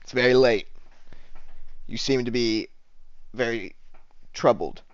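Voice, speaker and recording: A man's voice: medium pitch, slow pace, clean tone, no room sound, muffled recording, natural voice. A man playing a curt watch lieutenant. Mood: dismissive.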